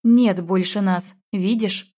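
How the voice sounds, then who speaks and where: A woman's voice: mid-range voice, fairly even intonation, slow, dark tone. A woman voicing a jealous, drunk young man who hurls harsh accusations at his girlfriend in an audiobook. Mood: bitter.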